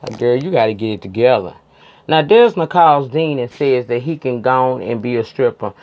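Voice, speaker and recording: A man's voice: mid-range voice, expressive, normal speed, muffled recording. A man giving a casual recap of a TV episode in a sassy, gossipy way, cursing and exclaiming as he retells it.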